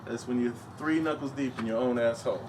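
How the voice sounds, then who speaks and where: A man's voice: medium pitch, fast talker. A young adult man doing a profane, conversational stand-up comedy set on stage. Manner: profane, conversational, punchline-driven. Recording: distant, noisy stage recording.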